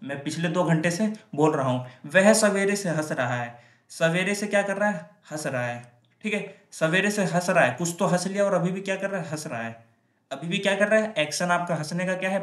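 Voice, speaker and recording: A man's voice: a little high, a little fast, a bit bright. A male grammar teacher lecturing in Hindi, asking and answering his own questions and repeating example sentences. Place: classroom with whiteboard. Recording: echoey room.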